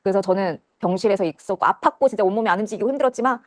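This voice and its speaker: Young woman, rushed earnest testimony, dry close sound, middle pitch. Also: no room sound. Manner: earnest, rushed storytelling, acts out quoted voices. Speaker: testimony guest. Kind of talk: personal testimony interview. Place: church studio.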